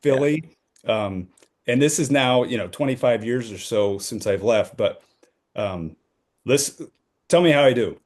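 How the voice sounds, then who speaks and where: A middle-aged man co-hosting a casual podcast, calmly moving through the topics. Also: medium pitch, a little slow. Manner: relaxed, runs the topic list. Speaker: podcast co-host. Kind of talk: casual chat.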